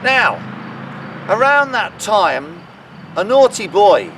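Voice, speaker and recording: A man speaking as a town crier guiding an outdoor history tour, proclaiming theatrically with drawn-out emphasis, exclamations and rhetorical questions. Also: high voice, sing-song, fairly bright tone, far from the mic, a little hiss or hum. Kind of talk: guided history tour narration. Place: outdoors in a cemetery.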